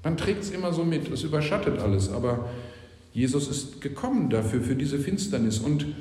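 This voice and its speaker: A man's voice: mid-range voice, big pitch swings, moderate pace, dark tone. A male pastor preaching a sermon in a conversational way, often asking his congregation for agreement. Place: church. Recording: echoey church from a distance.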